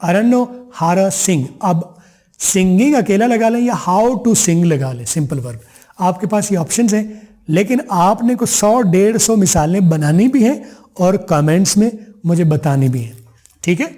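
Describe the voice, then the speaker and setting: A high-pitched man with a mellow, soft-edged tone gives an English lesson. He stretches each example phrase out slowly, then hurries through the explanations around it. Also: expressive. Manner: slow drawn-out repeated example phrases between brisk explanation. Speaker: English teacher.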